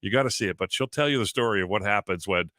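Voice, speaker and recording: A man's voice: lowish voice, very fast, sharp tone, no echo. A man hosting a radio show in casual morning chat.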